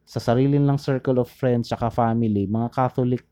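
A man casually talking through history, rambling and pausing to search for names, mixing English into his Tagalog. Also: medium pitch, fairly even intonation, dark tone, clear, resonant tone. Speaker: podcast co-host.

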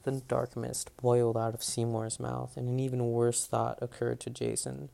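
A man's voice: medium pitch, completely flat delivery, moderate pace, gravelly, dark tone. A man giving a casual fan reading of a novel, reading plainly and breaking off with self-mocking asides. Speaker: audiobook reader.

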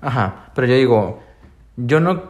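Young Mexican guy, casual storyteller, slangy and animated. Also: medium pitch, unhurried. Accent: Mexican Spanish. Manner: animated storyteller, acts out quotes in raised voice, slangy. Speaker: store employee. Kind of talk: casual conversation.

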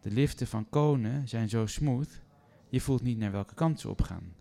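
Calm man reading a story aloud. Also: mid-range voice, vocal fry. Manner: calm, measured, first-person telling.

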